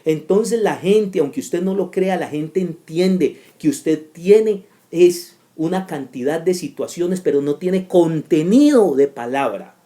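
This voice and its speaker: A man's voice: on the high side, animated, slow pace, hardly any pauses, mellow. A man teaching a class for preachers in a sermon style, with an emphatic, repetitive cadence and sudden rising bursts.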